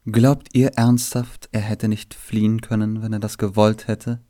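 A man voicing a calm woman seer with a velvety voice, speaking slowly and evenly. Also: on the low side, no echo, clean studio sound, natural voice. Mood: calm, foreboding. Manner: slow, calm and measured.

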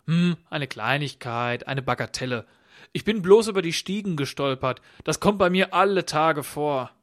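A man voicing a clumsy, pushy insurance agent with smooth sales patter. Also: on the high side, expressive, moderate pace, fairly bright tone. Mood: unbothered.

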